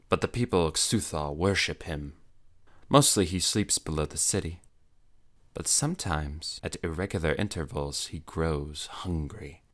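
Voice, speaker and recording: A man voicing a languid, worldly young noblewoman who speaks of dread in a calm, matter-of-fact way for an audiobook. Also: low-pitched. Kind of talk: audiobook character voice.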